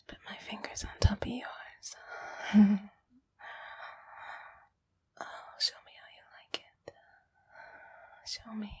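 A woman speaking in a soft, breathy whisper close to the mic, murmuring in an intimate roleplay. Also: medium pitch. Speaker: erotic audio performer.

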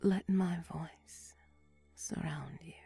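Breathy whispering woman, mellow and unhurried, soothing guided relaxation read; dry close mic. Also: deep voice, dry recording, soft background music. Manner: slow, soothing, hushed.

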